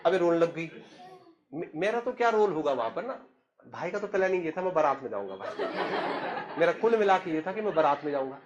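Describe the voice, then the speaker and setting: A man, telling a story in a chatty, humorous way and speaking straight to the listener. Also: high-pitched. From Uttarakhand, India. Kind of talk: casual spoken storytelling.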